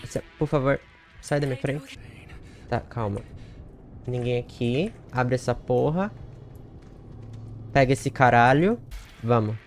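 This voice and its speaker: A man streaming a horror game, commenting as he plays, muttering one moment and shouting shrilly the next, swearing often. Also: slow pace, pauses often, faint music behind. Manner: profane, swings from muttering to shrill yelling. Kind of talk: live gameplay commentary.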